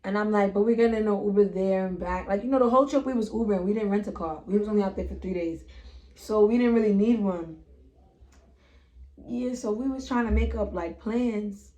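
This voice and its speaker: A woman's voice: medium pitch, brisk, dark tone. A young woman, telling a trip story in casual slangy chat and acting out her friends. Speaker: vlogger.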